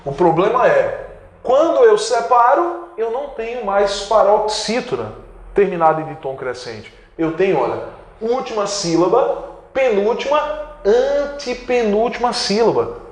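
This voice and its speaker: A man's voice: sits high, very animated, unhurried, reverberant. A man with a Brazilian accent teaching an online grammar lesson for exam prep, emphatic, stretching key words and asking and answering his own questions. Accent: Brazilian Portuguese.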